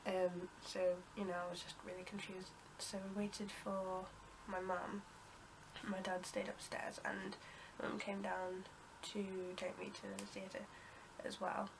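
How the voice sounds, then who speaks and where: A young woman from the United Kingdom, stuffy with a cold, speaks to camera at a measured pace, her story meandering through ums and half-sentences. Her voice stays flat, interrupted by coughs and throat-clearing. Steady hiss sits beneath the recording.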